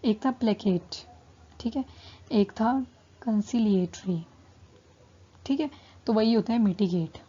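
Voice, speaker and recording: A woman with a mellow, slightly husky voice teaches English words in a casual classroom way. She keeps checking in with her listeners and draws out each key word slowly. The recording sounds dull and lo-fi. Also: mid-range voice.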